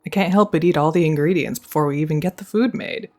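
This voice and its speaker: Low-pitched and darkish in tone, this young woman talks at a quick pace right up on the microphone, with soft music behind her. In a scripted girlfriend roleplay, she teases, reassures and sounds affectionate.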